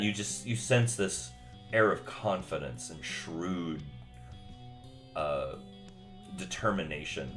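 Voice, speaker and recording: A man narrating as game master of a tabletop game, describing scenes slowly and chuckling often. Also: sits low, fairly bright tone.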